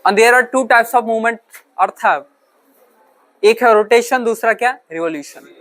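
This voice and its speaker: A man's voice: very high-pitched, fairly even intonation, slow, a bit bright. Male teacher, classroom lecture, keeps asking questions and answering them, mixes in English terms, checks understanding. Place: classroom with students.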